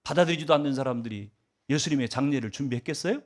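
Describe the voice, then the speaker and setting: A man's voice: medium pitch, very fast. A male pastor delivering a Sunday sermon, asking the congregation rhetorical questions and swinging his emphasis up and down.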